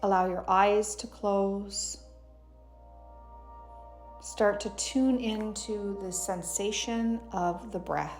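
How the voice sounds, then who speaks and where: A yoga teacher with a mellow, relaxed, mid-range voice guides a meditation at a very slow pace. She gives unhurried instructions in a gentle, soothing manner, with music playing behind her.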